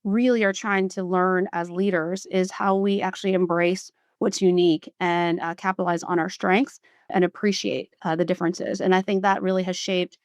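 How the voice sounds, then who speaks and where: A woman's voice: on the low side, steady tone, moderate pace, few pauses, clear, resonant tone, no echo, clean studio sound. A woman in her fifties from South Carolina with a Southern US accent, speaking reflectively and with frequent restarts as an executive guest on an interview podcast.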